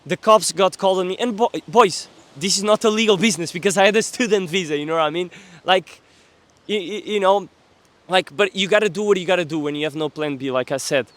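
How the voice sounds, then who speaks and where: Man in his 20s with a high-ish, dry voice; fierce, earnest motivational vlogger who swears casually. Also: fast, a bit bright, dry recording. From Portugal. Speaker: young entrepreneur, vlogger. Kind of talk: motivational monologue to camera.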